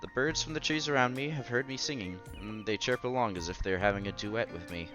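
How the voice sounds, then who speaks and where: A medium-pitched man reads a visual novel fairly quickly for a stream, trading narration for casual chatter and pausing to react. Background game music runs beneath his voice.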